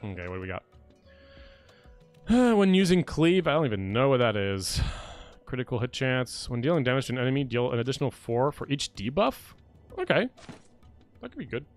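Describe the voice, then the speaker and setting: A man giving animated live gameplay commentary as a streamer, who keeps addressing his viewers as friends. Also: medium pitch, a little fast, pauses often, soft background music. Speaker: gaming streamer.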